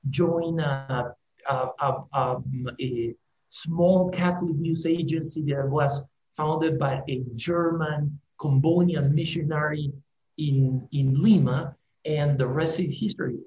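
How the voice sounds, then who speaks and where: A man's voice: on the high side, steady tone, takes it slowly, a little mellow. A man from Peru, a guest on a radio interview, talking earnestly and stumbling over words. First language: Spanish. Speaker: guest, news agency director. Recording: dull, roomy remote line with faint hiss.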